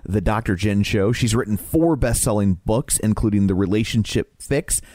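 A man's voice: on the low side, moderate pace, darkish tone, dry recording, clean studio sound. A man with an American Midwestern accent, speaking conversationally as a podcast co-host.

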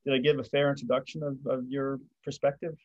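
A man hosting an interview podcast, introducing his guest and asking questions in a friendly, measured way. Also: medium pitch, flat delivery, darkish tone, muffled recording. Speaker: podcast host.

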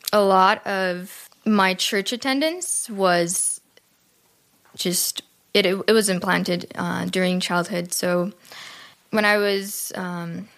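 A woman from Cuba, a podcast guest, telling her faith story in a slightly nervous way with soft laughs. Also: mid-range voice, clear, resonant tone. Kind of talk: personal testimony chat.

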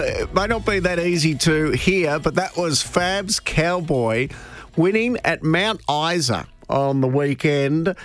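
Upbeat Australian radio host, slightly high voice. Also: male voice, no echo, clean studio sound. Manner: upbeat, eager questioning. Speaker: radio racing show host. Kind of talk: radio interview.

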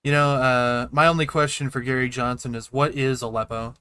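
A man, co-hosting with sarcastic quick jokes. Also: mid-range voice, fairly even intonation, bright, forceful tone, clear, resonant tone. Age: 20s. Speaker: podcast co-host. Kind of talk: casual chat.

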